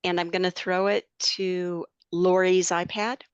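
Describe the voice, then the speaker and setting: A woman introducing herself in an online class, unhurried and reflective, over a video call. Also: on the low side, level tone, smooth, no echo. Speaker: class participant. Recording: dull dry video call audio.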